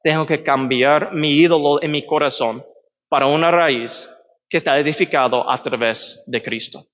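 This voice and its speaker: A man's voice: fairly high pitch, normal speed, fairly bright tone. Man preaching in a reverberant hall. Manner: conversational, asks the audience "¿verdad?" often. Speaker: pastor. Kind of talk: sermon teaching. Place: church hall. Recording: dull sound, long church reverb.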